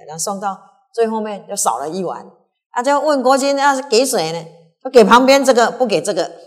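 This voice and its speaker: A woman with a Taiwanese Mandarin accent giving a storytelling lesson on ancient history, chatty and full of drawn-out particles. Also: lowish voice.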